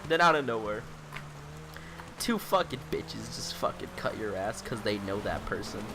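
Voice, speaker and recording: A man's voice: lowish voice, expressive, normal speed, vocal fry, noisy background. A young man in his late teens ranting in a rambling, exasperated vlog monologue, swearing constantly. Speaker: vlogger.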